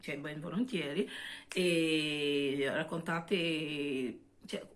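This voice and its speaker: A woman, a native French speaker, chatting casually to viewers as a vlog co-host in accented, halting speech with repeats and self-corrections. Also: low voice.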